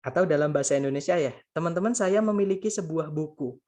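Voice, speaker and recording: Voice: mid-range voice, quick pace, darkish tone. Patient, chatty grammar tutor. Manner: patient, repeats points and translates each example; keeps addressing listeners as friends. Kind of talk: casual spoken grammar lesson.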